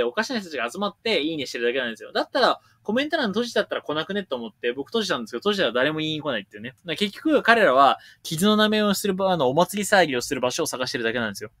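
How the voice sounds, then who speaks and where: Male stream host, fast-talking, blunt and jokey, bouncy pitch, dry close mic. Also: dry recording. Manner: rapid-fire, animated, blunt and joking. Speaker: livestream host answering viewer questions. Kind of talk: casual livestream Q&A, reading and answering chat questions.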